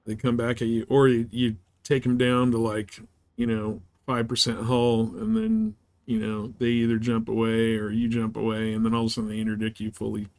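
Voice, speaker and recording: A man with a fairly low, darkish voice talks at a normal speed while playing a game on a livestream. His chat with viewers is laid-back, informal, and colloquial.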